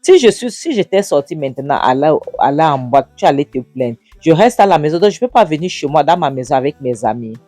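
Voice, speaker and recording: A narrator acting out an indignant husband who scolds his wife, raising the pitch and repeating "Hein?". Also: normal speed, warm tone, no echo, faint music behind, close to an everyday voice. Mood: berating.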